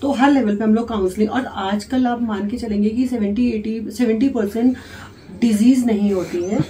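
Mellow woman doctor, explaining patiently. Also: a little high, fairly even intonation, moderate pace. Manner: explanatory, patient, with many hesitations. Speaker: doctor and health officer. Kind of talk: interview answers. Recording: distant mic with faint noise.

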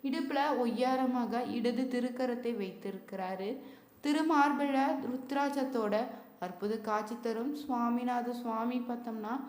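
A woman narrating temple history in a relaxed, chatty way, often adding "you could say" and correcting herself mid-phrase. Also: on the high side, echoey room. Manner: casual spoken Tamil with fillers like "you could say". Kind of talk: colloquial devotional narration.

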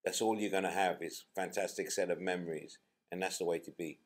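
A low-voiced man talks casually as an interview guest. He tells tour stories with humor and often restarts his phrases with repeated words. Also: steady tone, fairly quick. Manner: storytelling, jokey, repeats words as he searches for them. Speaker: band leader, interview guest.

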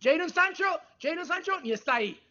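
Peruvian man in his forties, high bright voice, emphatic football pundit, dull video-call audio. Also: lively intonation, a little fast. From Peru. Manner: emphatic, exclamatory, mixes in English words. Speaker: football analyst. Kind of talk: casual sports debate. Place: home room.

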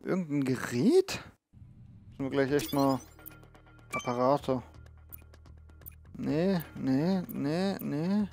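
Male let's-player, slightly high voice, casual unscripted commentary over prominent game music. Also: expressive, slow pace, gravelly, pauses often, a little mellow. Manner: repeats words while searching for them. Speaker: let's play host. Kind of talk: casual off-the-cuff gameplay commentary. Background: video game music.

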